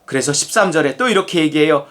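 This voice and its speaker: A man's voice: a little high, animated, quick pace, fairly bright tone. A man pastor preaching a conversational daily sermon, acting out the prophet's complaints and reading scripture aloud. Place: church or small studio.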